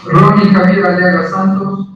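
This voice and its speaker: A man presiding as judge, briskly calling names and moving the hearing along. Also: high-pitched, flat delivery, slight background noise. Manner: brisk and procedural. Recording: distant, echoey, dull courtroom audio.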